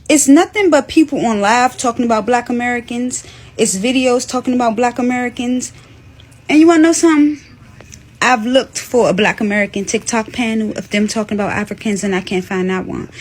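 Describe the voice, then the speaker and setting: A woman's voice: fairly high pitch, slight background noise. A woman ranting to camera in a casual, exasperated way, repeating her points. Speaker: social media commentator.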